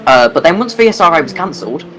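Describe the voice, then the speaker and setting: Brief: male commentator, running on no sleep, rambling, very animated pitch. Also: fast, low-quality recording. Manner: tired, rambling, self-deprecating. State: sleep-deprived. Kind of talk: sim racing commentary.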